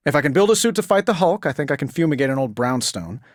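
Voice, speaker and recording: Glib, animated Iron Man. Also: a little high, quick pace, dry recording, studio quality. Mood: glib, conversational. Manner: glib, sarcastic, conversational. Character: wisecracking, cocky genius inventor superhero in armor. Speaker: video game voice actor. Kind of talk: video game character voice lines.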